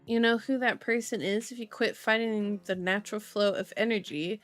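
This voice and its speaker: She speaks at a moderate pace in a medium-pitched, fairly bright voice with fairly even intonation, and faint music plays behind her. As host of a casual tarot and horoscope livestream, she chats, muses aloud, and reads out cards, often lingering on her words.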